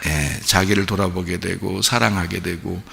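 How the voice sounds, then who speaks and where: A man's voice: low-pitched, steady tone, moderate pace, creaky, pushed and bright. A male pastor giving a conversational sermon in a church, full of rhetorical questions to the congregation. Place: church sanctuary. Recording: long reverb in a church hall.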